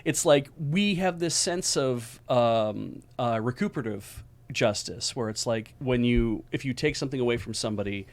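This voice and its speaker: A middle-aged man talking casually as a co-host. He rambles, working through his points with everyday examples and asides. His pitch sits in an ordinary middle range for a man. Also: moderate pace. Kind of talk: casual discussion.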